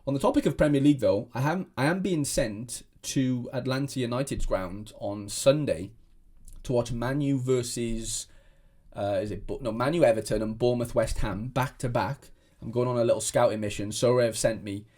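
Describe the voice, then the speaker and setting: At normal speed and medium pitch, his voice a little mellow, a young Welsh man rambles in casual chat to camera as a fantasy football content creator. He restarts often and uses lots of fillers.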